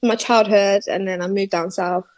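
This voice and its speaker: A woman's voice: mid-range voice, normal speed, no room sound. Laid-back woman rapper, laughing. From born in Malawi, raised in England. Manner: relaxed, laughs often, slangy. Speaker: rapper guest. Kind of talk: casual interview chat.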